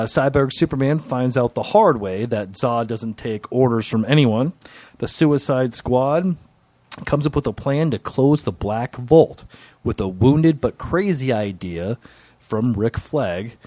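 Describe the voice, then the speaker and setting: A man co-hosts a casual comics podcast, summarizing a story and then weighing his rating with halting, repeated starts. His pitch sits in the middle range. The recording is dry and close. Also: mellow, no echo. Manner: hesitant, repeats words when giving opinions. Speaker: podcast co-host. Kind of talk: casual comic book recap.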